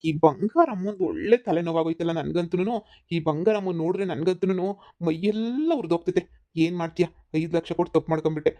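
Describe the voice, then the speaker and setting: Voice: mid-range voice, quick pace, mellow, close to an everyday voice. A voice actor playing a grumbling rich homeowner husband in a cartoon comedy. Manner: grumbling, exasperated.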